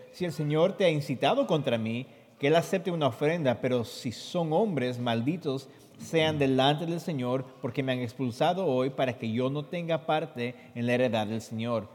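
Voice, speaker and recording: Higher-voiced male interpreter in a hall. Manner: expressive reading that jumps high in the quoted questions. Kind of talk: sermon interpreting with scripture reading. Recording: long hall reverb.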